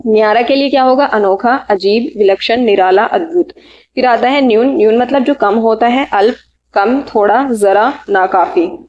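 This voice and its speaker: A woman teaching exam vocabulary, listing synonyms in short bursts and adding quick study tips. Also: on the high side, a little mellow, highs cut off. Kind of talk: reading out synonym lists for an exam lecture.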